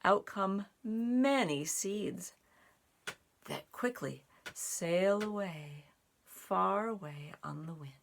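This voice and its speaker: A woman with a creaky, mid-range voice speaks expressively, drawing out her words. As a storyteller and sign language teacher for young children, she reads and explains in simple language. She's doing a picture-book read-aloud along with casual sign language teaching.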